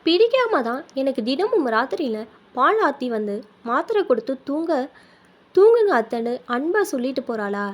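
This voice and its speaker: Woman reading as a sweet old granny, gentle and doting, high little voice, storybook telling. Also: big pitch swings, moderate pace. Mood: tender, doting. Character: kindly seventy-year-old grandmother, affectionate and forgiving.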